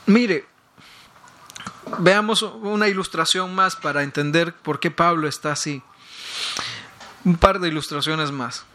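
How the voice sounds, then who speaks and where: Pastor guy preaching, high and bright, keeps repeating words and getting loud. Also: a little slow, pauses often, slight background noise. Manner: emphatic, rises to loud peaks and repeats words. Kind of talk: sermon.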